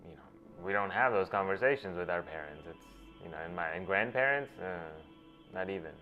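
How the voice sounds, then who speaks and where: Low and expressive, this man's voice moves fairly quickly. He is a host, a native Gujarati speaker, thinking aloud in a reflective monologue and restarting phrases frequently as ideas form. Dull lo-fi sound with faint music.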